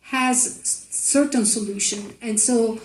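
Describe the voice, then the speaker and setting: A woman's voice: a little high, takes it slowly. A woman who produced the film, answering on a panel in a hesitant way, searching for words. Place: festival screening room. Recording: echoey room with faint noise.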